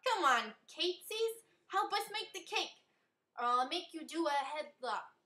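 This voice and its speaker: Woman doing a teen girl talking baby talk, super squeaky and giddy, all bright and high. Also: lively intonation, a little slow, reverberant, exaggerated voice. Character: teen girl babbling like a small child.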